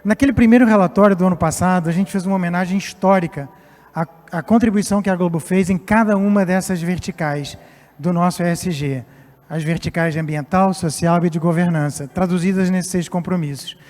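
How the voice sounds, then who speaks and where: A high-pitched, slightly mellow voice belongs to a late-fifties Portuguese executive speaking a little fast with fairly even intonation. He is a guest speaker on stage at a live event, giving a semi-formal, somewhat hesitant speech in an echoing hall with music behind.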